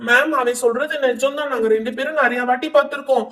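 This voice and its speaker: A woman's voice: sits high, quick pace, a bit bright. Woman voicing a meek pupil in an echoey room. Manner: meek, pleading. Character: nervous schoolchild pupil. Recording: echoey room, distant mic.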